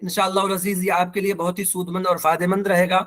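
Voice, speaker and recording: A man teaching an online language lesson with a Pakistani accent, patient and repeating each example slowly. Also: high-pitched, flat delivery, fairly bright tone, soft background music. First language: Urdu.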